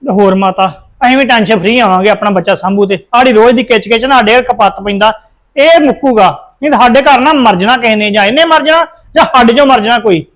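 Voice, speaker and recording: A man's voice: very high voice, quick pace, a bit bright. An actor playing a bitter, scolding husband in a family drama, complaining as he talks. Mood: fed up. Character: bitter, scolding husband, fed up with his wife. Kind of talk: dramatic dialogue in a family serial.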